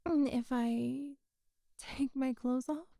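A woman speaking softly and intimately in an audio roleplay, hushed and coaxing, sometimes dropping to a whisper, close to the mic. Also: sits high, fairly even intonation, extremely slow, creaky, no echo.

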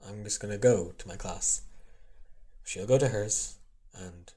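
Man acting a hesitant, low-voiced college guy confessing. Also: dark tone, close to an everyday voice. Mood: fond, nostalgic. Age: young adult. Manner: hesitant, stammering, halting, as if confessing. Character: awkward lovestruck male college student nervously confessing. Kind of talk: intimate first-person audio role-play.

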